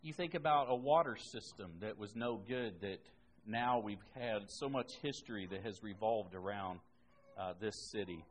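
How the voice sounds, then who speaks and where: A man's voice: on the low side, moderate pace, slight background noise. A man teaching a Bible class in a conversational way, reading scripture aloud and then explaining it with asides.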